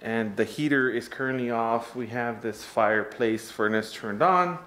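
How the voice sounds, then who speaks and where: A man vlogging with a loose, joking manner, talking straight to his viewers as burgers sizzle on a grill nearby. His pitch sits in the middle for a man, and his tone is easygoing and chatty. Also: normal speed, fairly bright tone. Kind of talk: casual vlog chat. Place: cabin deck and indoors by a fire, in the cold.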